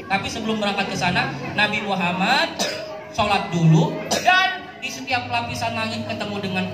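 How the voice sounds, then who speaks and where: At an outdoor mosque yard event, a woman's animated mid-range voice comes through loudspeakers at normal speed as she tells children a religious story. She asks her listeners questions and repeats key words, and the echoey PA sounds distant amid crowd noise and music.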